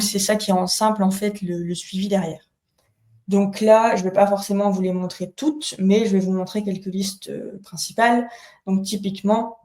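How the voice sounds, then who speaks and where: A woman giving a live webinar software demo, explaining step by step with many fillers and restarts. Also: mid-range voice, reverberant. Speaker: product co-founder demoing software in a webinar.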